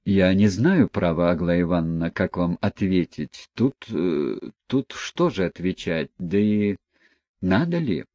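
Brief: man reading as a timid young prince in a storybook reading, soft, low and mellow. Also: lively intonation, a little slow, dry recording, lo-fi sound. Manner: hesitant, soft, mumbling. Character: shy, gentle young prince.

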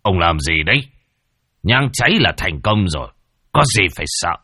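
A man voicing a gruff older male village sorcerer who scolds curtly. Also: a bass voice, animated, unhurried, fairly bright tone, no echo, clean studio sound, pitched below the performer's own voice, full character voice. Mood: curt scolding. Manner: curt, scolding.

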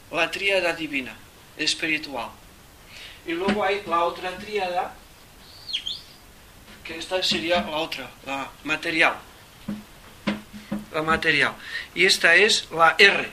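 His voice sits high, with a pushed, bright quality, and he carries a Catalan accent. He's informally teaching theosophy to a small group, rambling, thinking aloud, and asking "¿eh?" over and over. The mic is distant and picks up faint noise.

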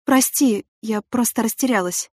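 A woman's voice: a little high, normal speed, slightly rough, no room sound, studio quality, voice pushed up. A woman reading an audiobook, voicing a fragile pregnant woman who speaks in an emotional, pleading way. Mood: upset.

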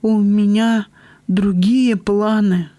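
A man's voice: high-pitched, steady tone, takes it slowly, dark tone, no room sound, voice pushed up. A man reading aloud, voicing an eager, apologetic young woman who talks in breathless, flustered bursts.

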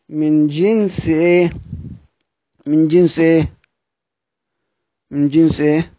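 Man, Egyptian Arabic accent, classroom teacher, repeats questions, drawn-out recitation, warm mellow tone. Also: a little high, no echo. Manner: repeats questions to students, drawls words when reciting. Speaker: teacher of Quranic readings. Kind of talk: classroom lesson.

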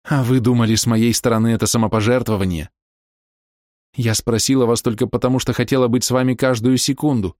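A man's voice: medium pitch, fairly even intonation, a little fast, darkish tone, no echo, studio quality, pitched above the performer's own voice, natural voice. A man voicing a lonely, self-doubting woman of forty who pleads tearfully in an audiobook reading.

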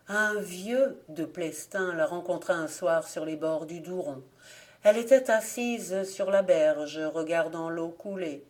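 A woman reading folk tales aloud as an audiobook narrator, with steady, clear storytelling. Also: lowish voice. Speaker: volunteer audiobook reader.

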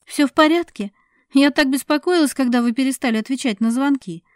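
A woman voicing an anxious young woman who talks fast and nervously, in a raised voice. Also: high-pitched, dry recording, studio quality, voice pushed up, natural voice.

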